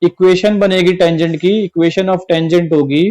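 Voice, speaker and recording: A man's voice: high voice, flat delivery, a little slow, warm tone, low-quality recording. A man teaching a class-twelve maths lesson online, working through each step and repeating the key points. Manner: explains step by step, repeats each point, often says "theek hai".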